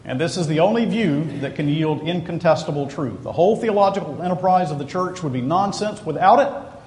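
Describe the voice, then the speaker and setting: Man preaching with slow emphatic repetition. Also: a little high, lively intonation, a little mellow. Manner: emphatic, repeats key words slowly for stress. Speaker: pastor. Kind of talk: sermon. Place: church sanctuary. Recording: echoey church hall.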